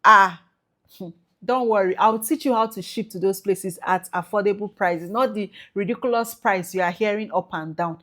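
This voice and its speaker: A woman's voice: medium pitch, moderate pace, a bit bright. A Nigerian woman, an export business trainer, giving an emphatic promotional talk and checking in with "okay?" and "right?" as she goes. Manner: emphatic, repeats tag questions like okay and right; mixes in Nigerian Pidgin phrases. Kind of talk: promotional talk to prospective students.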